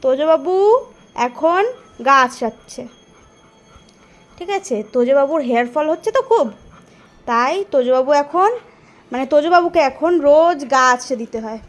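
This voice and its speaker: A woman's voice: high-pitched, moderate pace, pauses often. A woman vlogging with her pet, chatting to viewers and slipping into cooing baby talk. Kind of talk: casual pet vlog chat.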